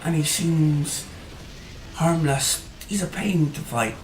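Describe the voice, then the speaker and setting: Slow and medium-pitched with a darkish tone, a gaming host offers loose, rambling commentary on his play, full of hesitant fillers and restarts, his voice wearing out over time. The recording has a roomy echo, faint background music, and a little hiss or hum.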